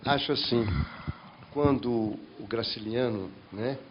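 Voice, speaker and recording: On a panel discussion, a man from the Brazilian Northeast comments at length, frequently restarting his sentences. His mid-range voice is unhurried, and the recording is muffled with background noise.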